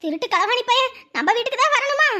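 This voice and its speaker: A woman's voice: very high-pitched, lively intonation, fast, sharp tone, exaggerated voice. A woman voicing a panicky, wailing middle-aged village wife in a cartoon, with a Kanyakumari Tamil accent. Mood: panicked. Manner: wailing, pleading. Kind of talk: cartoon voice acting.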